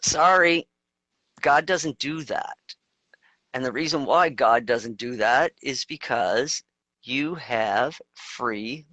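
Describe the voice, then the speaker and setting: A man's voice: mid-range voice, takes it slowly, pushed and bright, no room sound. A man co-hosting a casual spiritual discussion, talking emphatically in long runs with crude asides. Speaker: co-host.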